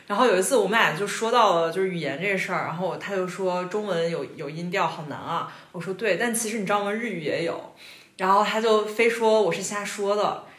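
A woman podcast host in casual chat, telling stories in an animated way. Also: mid-range voice, brisk, echoey room. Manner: animated storytelling with laughs.

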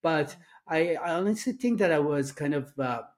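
A middle-aged man with an Iranian accent, a Persian speaker, answers questions as a guest in a casual interview, with a halting, earnest, soft-spoken delivery full of fillers and restarts. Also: on the high side, expressive. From Iran. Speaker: guest, addiction and trauma coach.

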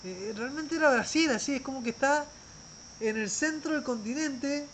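A man's voice: very high-pitched, moderate pace, fairly bright tone, slight background noise, poor audio. A man tells travel stories casually, rambling, often restarting words and trailing off. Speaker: traveler telling a story.

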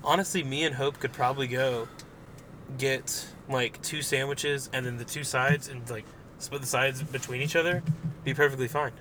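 A man's voice: medium pitch, fairly even intonation, moderate pace, a crowd in the background. A man chatting casually about food, rambling and joking with many fillers.

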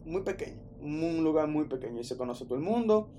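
Dominican guy with a slightly high voice, chatty and slangy, telling a spooky family story, keeps restarting his sentences. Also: brisk, a little hiss or hum. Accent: Dominican Spanish. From Dominican Republic. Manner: animated and slangy, with frequent restarts. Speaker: podcast storyteller. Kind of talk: casual first-person storytelling.

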